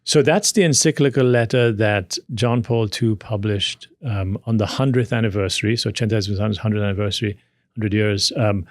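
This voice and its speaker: Man around sixty, Maltese accent, lower-pitched voice, podcast guest, conversational storytelling, close dry sound. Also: a little fast, dry recording. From Malta. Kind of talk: conversational interview, personal storytelling.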